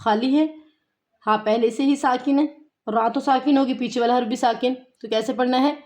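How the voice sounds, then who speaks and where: Female tajweed teacher with a Pakistani Urdu accent and a somewhat high voice, patient and methodical, drawing recited words out slowly. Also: steady tone, darkish tone. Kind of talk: tajweed lesson with slow recitation.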